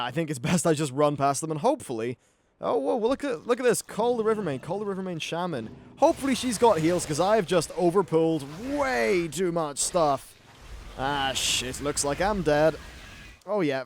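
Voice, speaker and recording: Playing through a video game, a young man on YouTube keeps up a casual, talkative commentary with some mild swearing. His voice is on the high side and animated, at normal speed, over clear background noise and game ambience.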